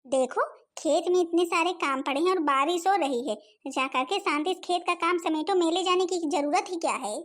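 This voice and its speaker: A woman voicing a stingy, sharp-tongued old grandmother and mother-in-law in a home-made cartoon. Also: very high-pitched, normal speed. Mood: scolding.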